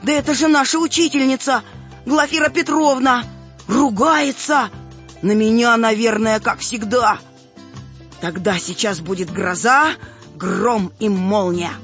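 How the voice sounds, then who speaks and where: A woman's voice: on the high side, a little slow, a bit bright. A woman voicing a boy who poses riddles and teases his friends in a children's audiobook. The recording is a little dull, with faint music underneath. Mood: teasing.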